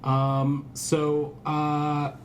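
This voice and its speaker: A man's voice: a little high, monotone, drawn-out words. A man playing a griping, flustered podcast host in an audio drama, rambling and stammering as in casual chat. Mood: joking, weary. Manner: rambling, stammering, sweary, exasperated. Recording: clearly noisy background.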